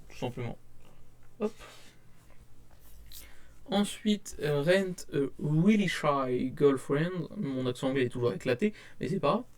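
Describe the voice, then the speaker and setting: Young male vlogger at a desk webcam, slightly high voice, rambling and hesitant, shy. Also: a little mellow. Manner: rambling, hesitant, many fillers and restarts; self-described shy. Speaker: manga collector showing purchases. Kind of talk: casual haul vlog to camera. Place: at home at a desk.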